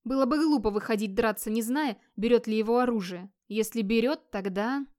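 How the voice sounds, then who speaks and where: A woman's voice: fairly high pitch, fairly quick, a little mellow, natural voice. Vigmar, a woman reading a snappy young hunter. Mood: curt. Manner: snapping, exasperated. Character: young male hunter, irritable and bold. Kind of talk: audiobook reading.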